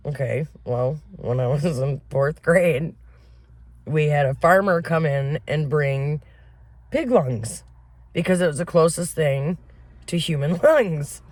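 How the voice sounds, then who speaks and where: A podcast co-host from Flint, Michigan, speaks slowly in a low voice, recorded close and dry with no echo or room sound. In casual chat she tells a wild story, laughing, swearing freely and staying animated throughout.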